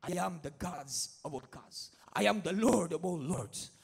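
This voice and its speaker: Man acting out a solemn divine voice, low and slow, distant, long hall echo. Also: lively intonation, gravelly, breathy edge, exaggerated voice. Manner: slow, measured declarations. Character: solemn booming divine voice, male, ancient.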